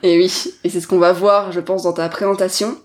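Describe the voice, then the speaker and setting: A woman hosting a podcast interview, chatty and quick to laugh, with many fillers. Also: on the low side, little pitch movement. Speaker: podcast host.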